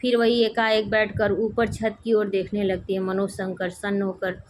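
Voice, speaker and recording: A woman Hindi teacher reading a play aloud, giving the stage directions in a steady voice. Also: mid-range voice, normal speed, slight background noise.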